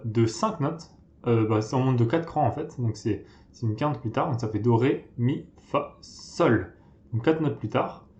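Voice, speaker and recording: A patient male piano teacher with a mid-range, slightly mellow voice gives a step-by-step tutorial in a room with a piano. He explains methodically and counts the notes aloud, and the recording has a roomy echo.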